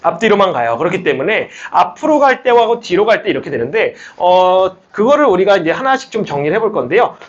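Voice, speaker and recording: Husky, lively male math teacher. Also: high-pitched, dull audio. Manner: lively, jokey teacher who teases students and asks questions back. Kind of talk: classroom lecture with students.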